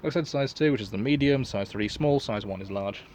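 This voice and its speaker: A man's voice: medium pitch, brisk, darkish tone, a little hiss or hum. A man giving a casual, unscripted product review in a rambling, offhand, sweary way. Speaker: collector and reseller reviewing gas masks.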